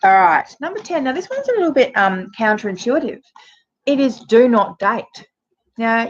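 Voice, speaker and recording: A woman in her forties giving frank, chatty relationship advice to camera, with many fillers. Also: lowish voice. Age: 40s. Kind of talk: casual direct-to-camera advice. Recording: dull lo-fi sound with faint noise.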